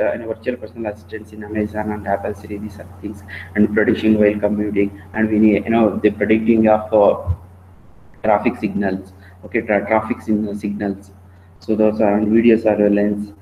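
A man with an Indian accent teaching an online class like a professor lecturing, explaining in a halting, repetitive way. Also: lowish voice, reverberant. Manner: halting, repetitive, often checking in with "okay". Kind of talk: lecture to students, explaining from slides. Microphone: online meeting call. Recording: muffled phone-like online call, clear background noise.

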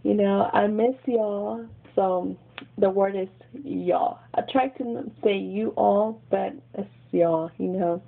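In a small bedroom, a giggly young adult vlogger with a Mexican American accent chats casually into her webcam. Her voice is mid-range with fairly even intonation, slow delivery, and vocal fry; she's from Los Angeles, grew up in Texas, and is chatty and prone to repeating words. Captured on a built-in webcam mic, the recording sounds tinny and lo-fi.

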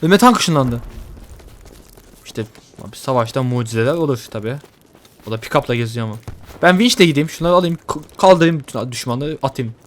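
A man giving casual, excitable commentary while playing a shooter game, joking and swearing at what happens. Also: mid-range voice, a little fast. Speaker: gaming YouTuber. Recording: faint gunfire behind. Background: faint game gunfire and explosions.

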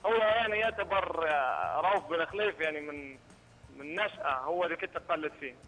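A young Libyan man calls in to a morning show by phone. His voice is high for a man, and he keeps stopping to search for words. Faint music plays under the call. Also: lively intonation, fast talker, a bit bright, poor audio. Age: young adult. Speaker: phone-in guest, media student. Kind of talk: phone interview.

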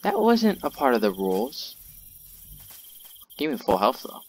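A young man hosting a gaming channel, giving let's-play commentary in a jumpy, excitable way, yelping and trash-talking the monster. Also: medium pitch, measured pace. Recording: loud game sounds with crickets behind.

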